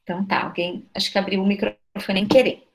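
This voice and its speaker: A woman's voice: medium pitch, fast talker. A Brazilian woman who runs a school, talking to a group of educators on a video call, full of rhetorical questions. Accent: Brazilian Portuguese. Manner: lively, asks many rhetorical questions, frequent "né?". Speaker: school director speaking at an online educators' meeting.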